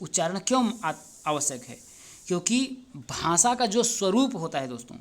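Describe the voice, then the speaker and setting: A man with a slightly high voice takes students through exam answers in a teaching tone. He poses a question and answers it himself, again and again. He calls his viewers friends and repeats words as he finds his phrasing. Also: a bit bright. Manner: explains step by step, often asks and answers his own questions. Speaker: exam tutor. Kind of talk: exam paper walkthrough lesson.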